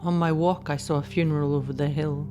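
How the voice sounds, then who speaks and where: A voice narrating a film excerpt in a slow, measured, reflective way. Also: mid-range voice, steady tone, dark tone. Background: music.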